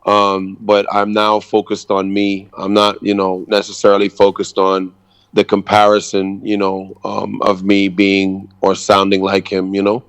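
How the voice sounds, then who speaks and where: A man from the Bahamas, a reggae artist in his thirties, giving a casual radio interview in a measured, hesitant way with many ums. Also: fairly low pitch, monotone, smooth. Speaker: guest reggae artist and producer.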